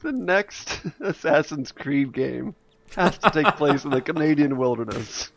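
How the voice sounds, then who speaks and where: A male podcast host chats casually and spins jokey stories with a ready laugh. His voice sits a little high and is very animated. It has a gravelly edge. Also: measured pace, no echo. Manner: jokey storyteller, laughs often. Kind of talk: casual chat.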